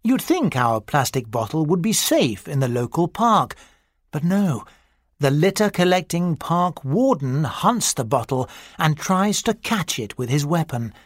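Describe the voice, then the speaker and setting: For a listening exercise, a narrator reads a mock-serious nature documentary script in a measured, scripted way. The medium-pitched voice is sing-song, recorded dry at studio quality.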